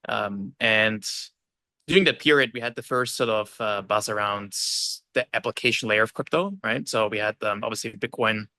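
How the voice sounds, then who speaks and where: A young Austrian man appears as a podcast guest over a video call from an indoor room with a plant, chatting casually in an interview. He speaks fluently at normal speed, peppering his talk with fillers and tag questions. His voice is fairly low and sharp, with no echo.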